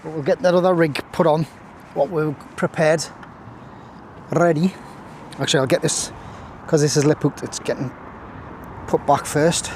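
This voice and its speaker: A man's voice: on the high side, steady tone, normal speed, long pauses, darkish tone, slight background noise. Chatty man, riverbank fishing vlog. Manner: chatty, jokey, self-mocking asides. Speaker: angling vlogger. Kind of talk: casual chat to camera while fishing. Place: outdoors on a windy riverbank. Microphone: camera on a stand, at times stepping away.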